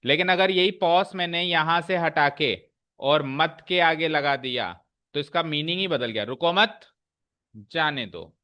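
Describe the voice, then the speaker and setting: A male maths teacher explaining a lesson step by step to his class, often checking in with quick questions. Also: a little high, sharp tone, clear, resonant tone.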